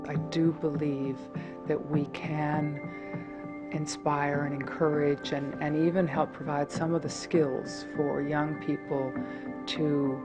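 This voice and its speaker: A woman speaking in a documentary interview, earnest and deliberate. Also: low-pitched, level tone, over music.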